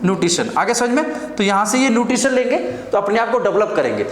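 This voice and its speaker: A man's voice: high voice, sing-song, fast. A man teaching a nursing exam class, lecturing at the board and drilling terms by asking and answering his own questions. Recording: echoey classroom.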